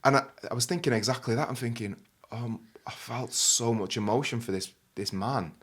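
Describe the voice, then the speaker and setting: A man's voice: mid-range voice, fairly quick, breathy edge. A young man telling stories in a casual chat. He talks with lots of fillers and laughs often. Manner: animated, laughing storyteller with many fillers. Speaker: guest host.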